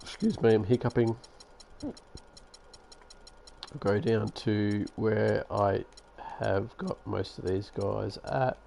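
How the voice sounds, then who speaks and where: Low-voiced man grumbling through gameplay. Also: steady tone, slow, gravelly, few pauses, dark tone, slight background noise. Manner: chatty, sarcastic, grumbles at the game. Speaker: gaming YouTuber. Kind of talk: casual gameplay commentary.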